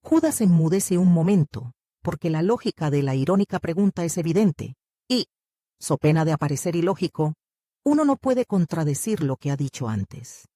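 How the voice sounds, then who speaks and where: Audiobook narrator of a religious text: expressive, lively pitch, dark and husky tone, close and dry sound. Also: moderate pace, no echo.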